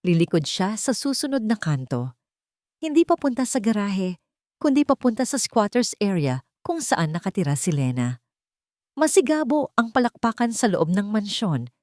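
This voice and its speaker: Narrating a dramatic scripted love story, a woman with a Filipino accent sounds very animated, with a medium-pitched, darkish voice at a normal pace. It's a clean studio recording without any room sound.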